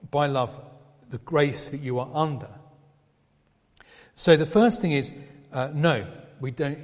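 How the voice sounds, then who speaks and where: A man delivers an expository sermon, unpacking a passage step by step with pauses and small restarts. His voice sits a little high for a man. The sound carries the long reverb of a church hall. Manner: measured, explanatory, with pauses and restarts. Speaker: preacher.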